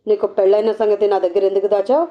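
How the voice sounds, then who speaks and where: A woman's voice: medium pitch, level tone, natural voice. Woman voicing a threatening gang boss guy, sneery, possessive, kinda muffled lo-fi recording. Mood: angry. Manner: sneering, threatening, slow and soft then snapping. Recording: dull lo-fi audio.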